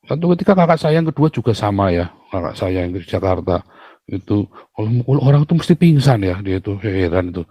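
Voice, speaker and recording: A man's voice: on the low side, animated, fairly quick, mellow, husky, no room sound. A middle-aged man preaching a sermon, telling family stories with sudden exclamations and laughs. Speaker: pastor.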